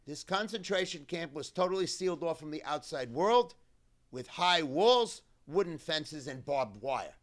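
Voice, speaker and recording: At a memorial gathering, a male cantor delivers the keynote, recounting a survivor's story in the first person. His fairly high voice is expressive, and he speaks in short, measured, deliberate phrases.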